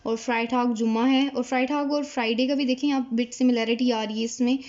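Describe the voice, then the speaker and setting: Flat-voiced woman teaching words. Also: on the high side, lo-fi sound. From Pakistan. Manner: explains slowly, repeats each word. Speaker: German language teacher. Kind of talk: casual whiteboard lesson.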